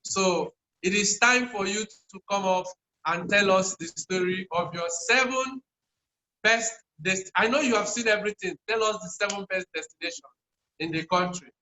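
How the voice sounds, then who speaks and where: A man's voice: high voice, normal speed, bright, forceful tone, a little hiss or hum, poor audio. A man hosting an online tourism meeting, effusive and repeating himself as he introduces a guest. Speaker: host of an online tourism session. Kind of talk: casual online meeting host.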